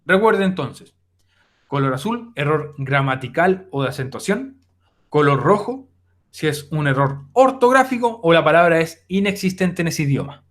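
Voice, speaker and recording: A man's voice: on the high side, lively intonation, normal speed, fairly bright tone. A young man explaining a lesson on a screen recording, talking informally to his students with many fillers. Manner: informal, addresses students directly, frequent fillers. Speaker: teacher. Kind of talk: recorded online class explanation.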